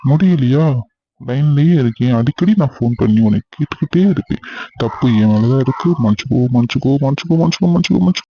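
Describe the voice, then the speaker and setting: A man's voice: medium pitch, lively intonation, a little fast, a little hiss or hum, natural voice. Man voicing a young husband, coaxing, teasing, mid-range voice, dull lo-fi sound. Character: defensive young husband, later apologetic. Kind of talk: acted phone-call drama.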